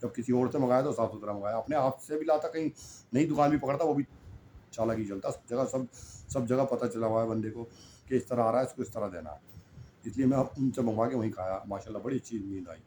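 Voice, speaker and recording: A man delivers an admonishing sermon in a mellow, darkish voice. He repeats key lines and asks pointed rhetorical questions. Faint ambient noise sits under his voice. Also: mid-range voice. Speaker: preacher.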